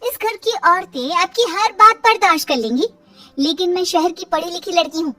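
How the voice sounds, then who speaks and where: A woman's voice: extremely high pitch, moderate pace, voice pushed up. A woman doing a defiant young daughter-in-law. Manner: sharp, protesting, questioning.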